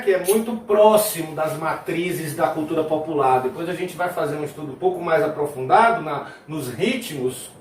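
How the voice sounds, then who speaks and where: A man teaching a video lesson on folk music, singing verses and then explaining them in a loose, chatty way. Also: high-pitched. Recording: roomy, mic at a distance. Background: tambourine playing.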